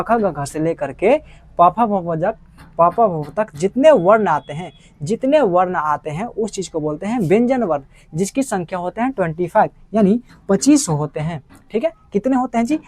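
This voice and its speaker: A man's voice: high-pitched, darkish tone, no room sound. Man teaching, drilling questions repeatedly. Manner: repetitive call-and-response questioning. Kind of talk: classroom grammar lesson.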